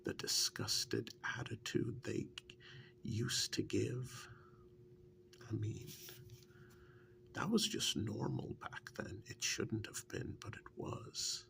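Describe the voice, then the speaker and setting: In a soft-spoken ASMR role-play monologue, a man plays a bitter, aggrieved former kidnap victim who has become a devoted partner. His breathy voice often drops to a half-whisper as he rambles and confides, slow and exaggerated, with a steady tone and frequent pauses. A faint, low rumble sits in the background.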